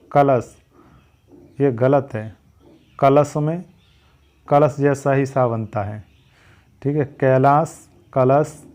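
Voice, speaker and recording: A man's voice: mid-range voice, darkish tone, highs cut off. A man teaching a spelling lesson, drilling each word by repeating its wrong and right forms.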